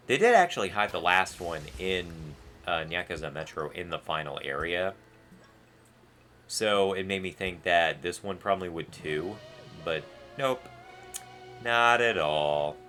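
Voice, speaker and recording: A man giving casual let's play commentary, rambling and animated, with sarcastic asides. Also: deep voice, measured pace. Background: faint game music.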